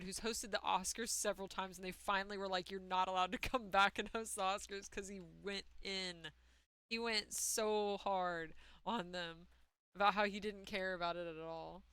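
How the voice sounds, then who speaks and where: Young woman streamer, bright and chatty, lots of "like", excitable gaming banter. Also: medium pitch, clear, resonant tone, no echo. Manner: chatty, excitable, heavy use of "like". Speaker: live streamer. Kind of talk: casual chat while gaming.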